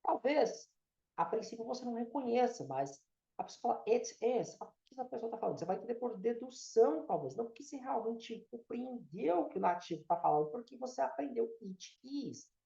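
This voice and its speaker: A man's voice: very high-pitched, very animated, fast, vocal fry, mellow. A man from Brazil with a Brazilian Portuguese accent, teaching a casual English lesson and repeating words for drills. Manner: keeps checking in with "tá?" and drills pronunciations by repeating them. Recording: roomy, slightly dull sound.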